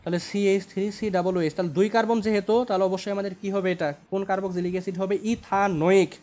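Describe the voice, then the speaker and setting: His voice sits high with little pitch movement and a darkish tone, delivered rapid-fire. The young man tutors chemistry at a whiteboard, repeating points and checking in with tag questions, in a dull lo-fi recording.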